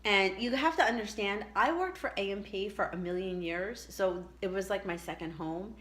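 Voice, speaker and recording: A middle-aged woman chatting casually and reflectively as she tells a personal story, with halting asides. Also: medium pitch, a bit bright. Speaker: vlogger telling a personal story.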